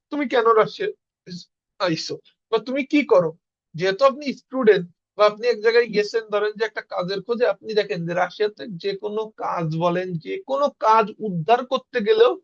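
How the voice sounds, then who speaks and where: A Russian language teacher with a fairly high, fairly bright voice leads an online class, explaining things step by step. He puts questions to the class and then answers them himself, and the audio sounds dull and lo-fi.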